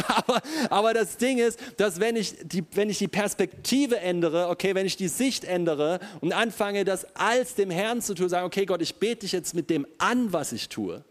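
High-voiced, animated German preacher. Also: male voice, normal speed. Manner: animated, addresses the congregation directly with repetitions. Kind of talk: sermon.

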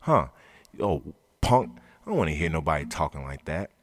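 A man's voice: rumbling low, sing-song, normal speed, dry recording, clean studio sound. A man hosting a sports podcast, ranting with passion and swearing freely as he argues his point. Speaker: podcast host. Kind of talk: heated sports talk rant. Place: basement studio.

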